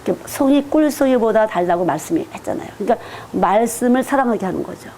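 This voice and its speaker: A woman's voice: medium pitch, animated, fast talker, dark tone, slight background noise. A woman who is a children's missionary, giving a teacher-training lecture in an earnest, direct, conversational preaching manner.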